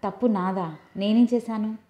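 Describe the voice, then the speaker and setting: A woman voicing a gentle, lovesick young man, pleading softly in an audiobook. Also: medium pitch, steady tone, normal speed, natural voice. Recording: roomy echo.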